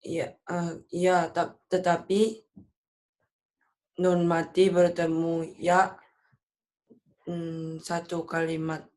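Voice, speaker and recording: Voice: medium pitch, monotone, extremely slow, pauses often, a little mellow. A young student answering a teacher's tajwid questions in short, hesitant replies, correcting himself when he gets one wrong.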